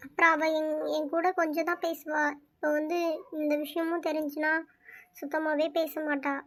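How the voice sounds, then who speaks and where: A woman's voice: high-pitched, little pitch movement, moderate pace, fairly bright tone. A woman voicing an anxious, secretive young woman friend in a cartoon story, speaking earnestly and pleading. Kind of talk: cartoon voice acting.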